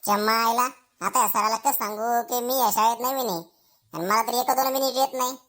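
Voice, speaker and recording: A woman's voice: fairly high pitch, a little fast, a bit bright, natural voice. A woman voicing a blustering schoolboy who gets to be teacher for a day, in a village comedy skit, full of cheeky asides to himself. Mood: scheming. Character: brash boastful schoolboy made teacher for a day, male.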